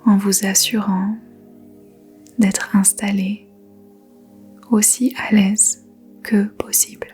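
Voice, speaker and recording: A woman's soft, whispery voice, with a breathy edge, leads a yoga nidra meditation at a very slow, even pace, hovering around one pitch. Faint music plays under her gentle, soothing instructions and long pauses.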